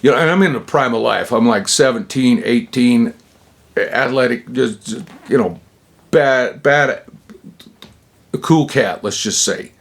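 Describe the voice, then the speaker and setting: This vlogger is a man in his sixties from Utah whose medium-pitched voice is creaky and measured in pace, with frequent pauses. He tells a personal story digressively, chuckling, interrupting himself, and drifting into asides and slang.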